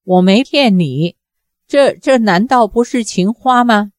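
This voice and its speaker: A woman's voice: medium pitch, animated, a little slow, no echo, studio quality, lightly acted. A woman voicing a frightened young daughter who stammers and hesitates. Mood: hesitant.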